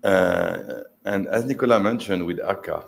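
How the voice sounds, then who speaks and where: Very deep-voiced, gravelly man, investment banker manner. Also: measured pace. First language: not English. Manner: investment banker's analytical, jargon-heavy delivery. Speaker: private equity fund manager on a panel. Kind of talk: panel talk on finance, semi-prepared.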